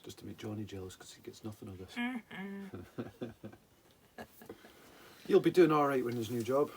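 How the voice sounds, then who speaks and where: A man's voice: mid-range voice, expressive, moderate pace, darkish tone. A man co-hosting a casual, boozy whisky chat, rambling and often losing his thread. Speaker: podcast co-host. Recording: clear background noise.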